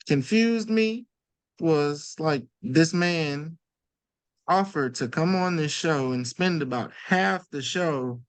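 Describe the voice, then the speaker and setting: A man's voice: fairly high pitch, no echo. A man co-hosting a casual sports podcast, talking loosely and animatedly with slang and swearing. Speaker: podcast co-host.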